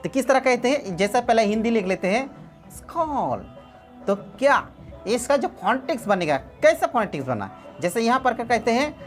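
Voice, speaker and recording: A woman's voice: on the high side, big pitch swings, normal speed, faint music behind. A woman teaching a class of online students, repeating key words and asking the students questions. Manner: repetitive, asks rhetorical questions.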